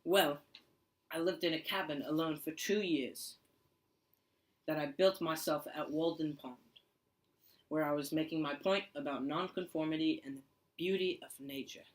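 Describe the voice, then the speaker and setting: Young man doing a proud nonconformist writer, somewhat high voice, steady recited lines, amateur skit. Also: normal speed, long pauses, lightly acted, rough recording. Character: proud male nonconformist writer, plain-spoken. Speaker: interview guest in a school skit.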